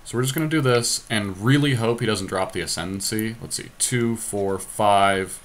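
Thinking out loud in a relaxed way, a podcast co-host gives commentary while playing an online card game. His voice is lowish and moderately paced, and the amateur home capture has noticeable noise behind him.

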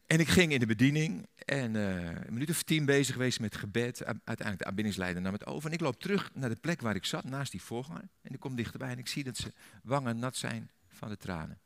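A man with a Dutch accent preaching in a church, telling a story and rising to loud, emphatic peaks. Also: mid-range voice, lively intonation, quick pace, gravelly, few pauses. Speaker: pastor. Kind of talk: sermon.

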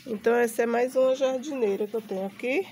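Recovering from a bad flu, a woman with a Brazilian Portuguese accent chats casually while showing things off in her outdoor home garden for a gardening vlog. Her voice is mellow and on the high side at a quick pace, with slight background noise.

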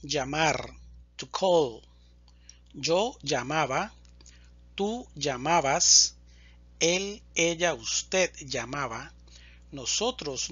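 Man, Spanish teacher, conjugation drill, very slow, husky edge, dry close sound. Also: on the high side, fairly bright tone, dry recording, dull audio. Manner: deliberate, enunciates each word.

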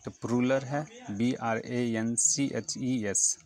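A man's voice: mid-range voice, fairly even intonation, takes it slowly. A man teaching vocabulary, spelling each word out letter by letter and repeating it, recorded on a handheld phone in a roadside shop. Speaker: YouTube teacher. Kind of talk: vocabulary lesson. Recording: noisy roadside with traffic. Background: passing motorbikes and a child shouting.

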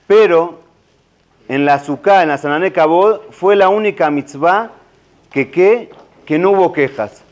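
A man's voice: sits high, measured pace. A man, a rabbi giving a casual holiday talk full of jokes. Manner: casual, joking, many fillers.

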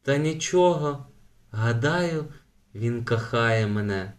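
A man voicing a lively ten-year-old girl sharing a secret crush, in a storybook reading. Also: mid-range voice, slow. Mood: dreamy.

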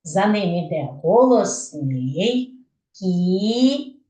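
Ukrainian-accented woman, preschool teacher, unhurried and patient, heard from across an echoey room. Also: mid-range voice, very animated, dark tone, distant mic. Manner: patient, asks questions then answers them herself. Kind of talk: slow didactic lesson for young children. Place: kindergarten room.

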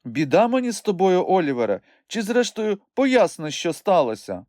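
A man's voice: high voice, very animated, moderate pace, dry recording, clean studio sound, voice pushed up. A man voicing a spirited, teasing young woman in an audiobook, with playful, mocking retorts. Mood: protesting. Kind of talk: audiobook character voice.

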